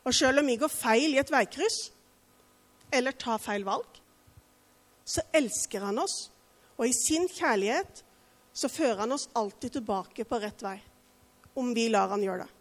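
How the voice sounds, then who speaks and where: A woman's voice: fairly high pitch, expressive, pauses often, big-room sound. A woman preaching a sermon in an earnest way, asking the listeners direct questions.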